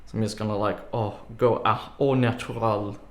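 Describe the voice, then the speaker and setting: On his live coding stream, this man talks in a lowish voice at a moderate pace with fairly even intonation. He rambles casually, leans heavily on "like," and laughs readily. He's in a home room that gives the recording an echo.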